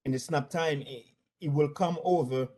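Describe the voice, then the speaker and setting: With a fairly high, slightly mellow voice, a man from Haiti gives testimony as a former bank employee. Speaking in a Haitian accent, he describes incidents at work spontaneously but haltingly, often going back over the same words and phrases.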